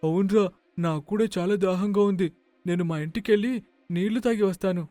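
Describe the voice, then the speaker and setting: A man's voice: sits high, a little fast, mellow, dry recording, soft background music, voice pushed up, natural voice. A man voicing a timid little village boy who is afraid of being chased off, in a cartoon story. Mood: plain. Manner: fearful, pleading.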